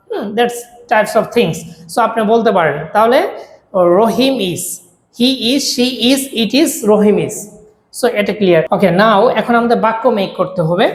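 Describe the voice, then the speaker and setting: A woman, teaching a spoken English lesson and repeating drill phrases slowly. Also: medium pitch. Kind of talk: explaining English grammar lesson. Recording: echoey room.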